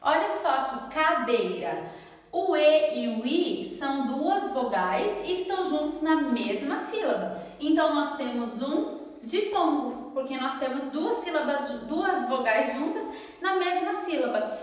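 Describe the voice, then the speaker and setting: A Brazilian Portuguese-speaking woman teaching a lesson at the board, friendly and patient, drawing words out slowly as she spells them. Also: high voice, lively intonation. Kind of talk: classroom lesson at a whiteboard. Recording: echoey room, voice from far off.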